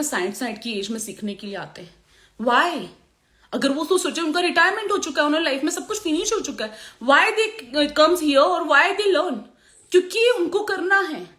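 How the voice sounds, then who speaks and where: A woman makeup artist chatting on a live stream, with a sore throat, animated and laughing often. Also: sits high, echoey room. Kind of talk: motivational live chat.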